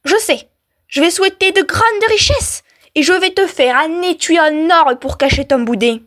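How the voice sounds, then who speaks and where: A woman's voice: very high voice, moderate pace, a bit bright, voice pushed up. Casting: a woman playing a flustered, stammering peasant husband in a radio folk tale. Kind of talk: storytelling for radio.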